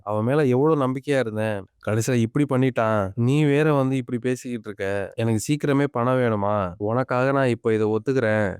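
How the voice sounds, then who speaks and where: Man reading an insistent angry owner, fast, crisp, dry. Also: mid-range voice, darkish tone, no room sound, natural voice. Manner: threatening, insistent. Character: angry middle-aged male car owner, demanding.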